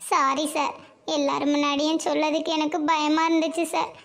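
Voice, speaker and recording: Woman with Tirunelveli Tamil accent, very high voice, scripted school drama, plays several schoolgirls. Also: flat delivery, a little fast. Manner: voices several schoolgirls, pleading and sharp by turns.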